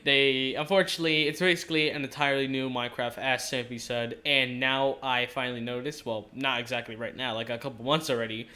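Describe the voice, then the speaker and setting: A man's voice: medium pitch, steady tone, brisk, hardly any pauses, sharp tone. A man giving casual, rambling game commentary, hesitant and self-correcting, his speech slightly off from stitches in his mouth after dental surgery.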